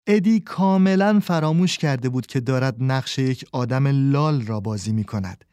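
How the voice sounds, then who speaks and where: Mellow, dry-voiced male storyteller. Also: medium pitch, clean tone, no echo. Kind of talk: scripted storybook narration.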